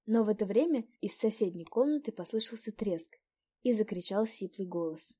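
Expressive woman reading a story aloud. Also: mid-range voice, normal speed, breathy edge. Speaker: audiobook reader.

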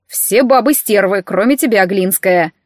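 A playful young man with a theatrical streak who loves to tease his old friend, as a woman reads him. He sounds sly and mock-offended, in a fairly high voice recorded dry and close. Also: sing-song, normal speed, no echo. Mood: teasing.

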